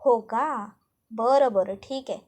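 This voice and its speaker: A flustered young husband pushes back in exasperated bursts, as a woman narrator puts him on. The voice sits high and rises further when he objects. It is told as a spoken storybook retelling of a serial. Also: takes it slowly, a little mellow. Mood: play-acting on phone. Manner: exasperated protest.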